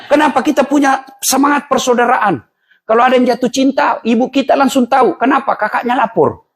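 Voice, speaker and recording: A man preaching a humorous, animated sermon in a mosque, acting out quoted voices. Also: extremely high pitch, brisk, breathy edge. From Indonesia. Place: mosque hall.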